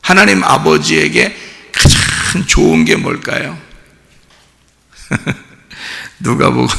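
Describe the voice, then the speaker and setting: Fervent gravelly pastor preaching in a hall. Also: male voice, medium pitch. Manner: fervent preaching, rising to shouts, asks the congregation questions. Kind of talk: early-morning sermon. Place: church sanctuary. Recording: church hall reverb.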